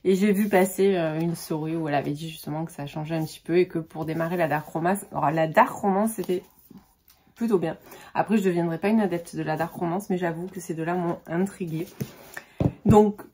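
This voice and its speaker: A woman's voice: lowish voice, a little fast, dark tone, husky. A woman book vlogger chatting casually about her reading, talkative with many fillers and restarts. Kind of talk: casual chat about books.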